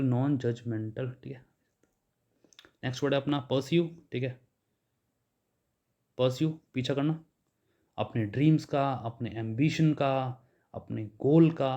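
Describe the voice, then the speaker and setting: A man's voice: mid-range voice, mellow, highs cut off. A man teaching an exam vocabulary lesson in Hindi mixed with English, explaining each word with everyday examples.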